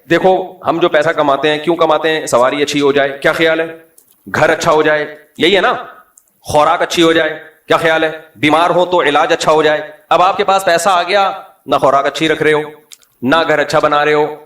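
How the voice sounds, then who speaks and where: Guy preaching to a crowd, jokey and chatty, keeps asking questions, kinda high voice. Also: fairly bright tone, reverberant, recorded from a distance. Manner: conversational, full of rhetorical questions; light, joking tone. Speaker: Islamic preacher. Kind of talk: lecture to a live audience. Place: lecture hall with an audience.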